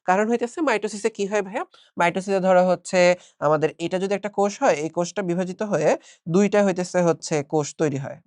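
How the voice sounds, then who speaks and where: Fast-talking Bangladeshi man teaching biology. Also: high-pitched, a little mellow, no echo, studio quality. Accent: Bangladeshi Bengali. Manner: chatty, asks and answers his own questions, many fillers. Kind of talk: casual exam-prep lecture.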